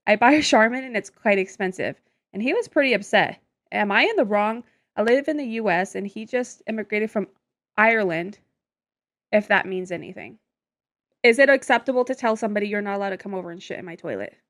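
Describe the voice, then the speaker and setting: A woman in the middle of the usual pitch range, co-hosting a casual podcast. She reads listener posts aloud and reacts with blunt, animated humor and easy swearing. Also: fairly quick. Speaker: podcast co-host. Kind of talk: casual chat and reading stories aloud.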